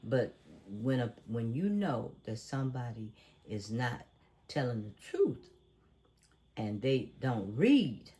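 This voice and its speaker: A podcast host with a medium-pitched, dark, sing-song voice speaks slowly. He hosts a casual talk show, offering conversational commentary in a preachy, emphatic way and often asking leading questions.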